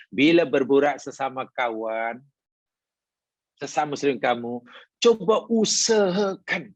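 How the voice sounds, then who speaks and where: A man giving a hadith lesson as a religious teacher, in a measured, explanatory way with rising emphasis. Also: mid-range voice, no room sound, lo-fi sound. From Malaysia.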